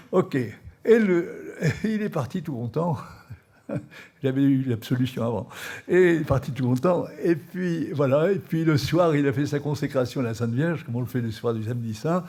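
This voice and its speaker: A priest giving a spiritual training talk, telling an anecdote with many fillers and soft chuckles. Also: male voice, medium pitch, animated, normal speed. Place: live session before an audience.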